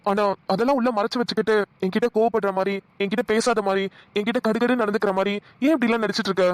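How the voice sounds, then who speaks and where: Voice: medium pitch, fairly even intonation, very fast, dry recording, natural voice. Voice actor doing a teasing cartoon husband, dry close sound. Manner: scolding, then pleading and chuckling. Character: teasing young husband, bossy then coaxing. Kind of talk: Tamil cartoon dialogue.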